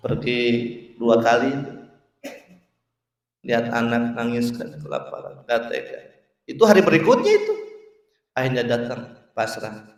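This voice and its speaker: A man preaching, telling a moral story with lively jokes and often addressing the listeners directly. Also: medium pitch, a little slow, creaky, pauses often. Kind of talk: Islamic sermon storytelling. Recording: roomy, distant mic.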